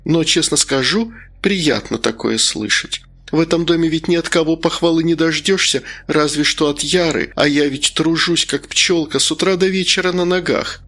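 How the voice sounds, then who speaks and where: Audiobook: booming, sharp-tongued woman cook, played by a male reader. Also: moderate pace, few pauses. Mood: flattered.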